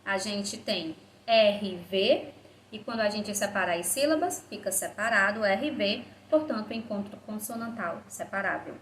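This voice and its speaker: A woman's voice: mid-range voice, normal speed. Patient woman teacher in echoey room. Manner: patient, spells out each step for children; voices pupils' questions herself. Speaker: primary school teacher. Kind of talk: remote class lesson. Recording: echoey room with faint background hiss.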